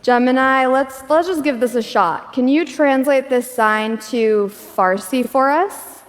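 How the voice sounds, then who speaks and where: On stage in a large auditorium, a woman presents a live tech demo in a casual, chatty way full of filler words. Her voice sits high and her pace is measured, with the hall giving an echoey sound.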